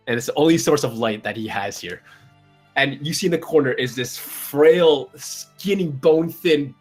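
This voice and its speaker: Husky male game master over music. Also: medium pitch. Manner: halting, descriptive, searching for words. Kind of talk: improvised tabletop game narration.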